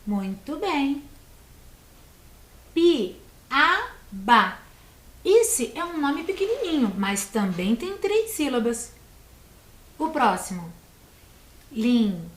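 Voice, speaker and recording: Brazilian female schoolteacher, patient and encouraging, higher voice, recorded in an echoey room. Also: sing-song, darkish tone. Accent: Brazilian Portuguese. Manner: slow, patient, encouraging, sounds out words. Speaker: primary school teacher. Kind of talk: teaching a video lesson to children.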